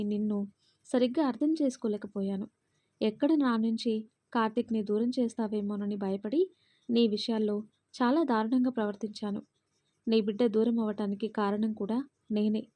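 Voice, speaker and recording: A woman's voice: on the high side, mellow, lightly acted. A woman voicing a remorseful older mother-in-law in a storybook reading, pleading and tearful.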